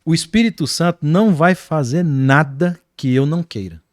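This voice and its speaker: A man with a Brazilian accent, a guest pastor talking in an animated, preaching-like way on a podcast. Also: fairly high pitch, moderate pace, no echo, clean studio sound. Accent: Brazilian Portuguese. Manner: animated, acts out quoted voices.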